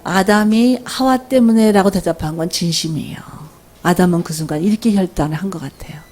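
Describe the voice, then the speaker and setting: An older woman lectures at a workshop in a mellow, warm voice. She tells stories from home with lively energy and keeps asking her listeners questions. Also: fairly low pitch, a little fast. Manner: animated, asks the audience questions. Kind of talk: faith-based lecture with storytelling.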